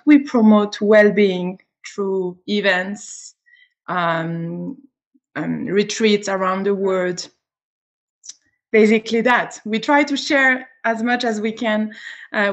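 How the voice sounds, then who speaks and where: A woman from Switzerland, a yoga teacher answering interview questions with enthusiasm and pausing to find her words. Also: mid-range voice.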